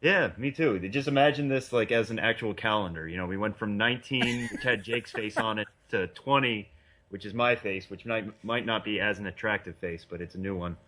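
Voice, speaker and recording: A man's voice: on the low side, fairly quick, pushed and bright. A man co-hosting a sports podcast, giving casual analysis in an easygoing, slightly hesitant explanatory way. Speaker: podcast co-host and baseball analyst.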